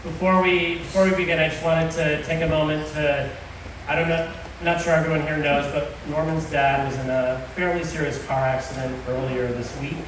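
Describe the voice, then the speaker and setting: A man giving an informal wedding toast as the groom, speaking haltingly to his guests. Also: a little high, little pitch movement. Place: large reverberant venue with guests. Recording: echoey hall from far off, noisy crowd.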